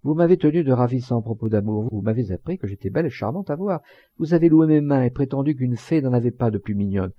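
A man voicing a heartbroken young German girl who reproaches her lover in a slow, soft-spoken reading. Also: medium pitch, lively intonation, no echo, lo-fi sound, natural voice. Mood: sorrowful.

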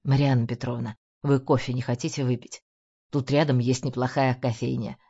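A woman voicing a weary middle-aged male ex-detective who grumbles through his teeth in a lowered voice. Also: little pitch movement, moderate pace, gravelly, warm tone, breathy edge, heavily acted. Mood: gruff, weary. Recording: dull lo-fi audio.

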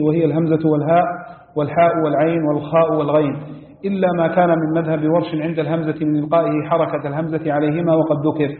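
Male student reader, quick monotone recital, slightly high voice, phone-like audio with a roomy echo. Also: slight background noise. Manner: steady, even recital. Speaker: student reading the text aloud. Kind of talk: reading a classical text aloud. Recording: tinny phone-like audio, echoey hall.

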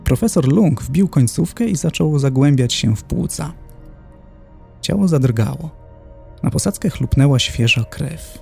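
A man narrating a horror audiobook in a low, grave and deliberate manner. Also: lively intonation, creaky, dark tone, faint music behind.

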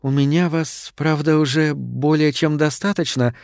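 A man voicing a small, kind old woman in a storybook reading, speaking gently and softly. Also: a little high, steady tone, normal speed, vocal fry, clean tone, dry recording, studio quality. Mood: gentle. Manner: gentle, soft-spoken. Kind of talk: audiobook storytelling.

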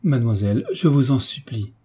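A man's voice: mid-range voice, brisk, dark tone, slightly rough, natural voice. A man voicing an earnest, respectful young nobleman who pleads in an audiobook. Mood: pleading.

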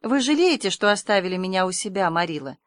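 A woman's voice: mid-range voice, lively intonation, fast talker, no echo, clean studio sound, close to an everyday voice. Anne, a dreamy orphan girl read by a woman. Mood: wistful. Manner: breathless, effusive storytelling. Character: imaginative chatty orphan girl, dreamy and dramatic.

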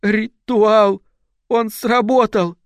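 A man's voice: a little high, unhurried, dry recording, natural voice. A man voicing a terrified young woman at a seance, with choked, hysterical cries in a story reading.

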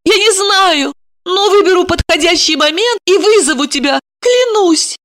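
A woman's voice: moderate pace, a bit bright, dry recording. A woman reading an audiobook and voicing a young émigré woman who pleads anxiously and tearfully. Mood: pleading. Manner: high, anxious, imploring.

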